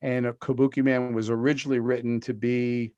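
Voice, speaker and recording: A man's voice: mid-range voice, little pitch movement, brisk, a little mellow, no echo, lo-fi sound. Middle-aged guy on a zoom call, rambly storyteller, lots of ums, dry sound. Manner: rambling storyteller with restarts and fillers. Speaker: podcast guest, author. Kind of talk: casual interview over video call. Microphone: video call.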